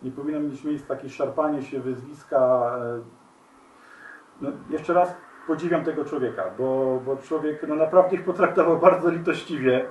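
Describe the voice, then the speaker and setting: A man speaking straight to his viewers, earnest and appealing, often pausing on fillers and restarts. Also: on the high side, roomy sound, far from the mic, a little hiss or hum, poor audio. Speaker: commentator. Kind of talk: spoken video commentary.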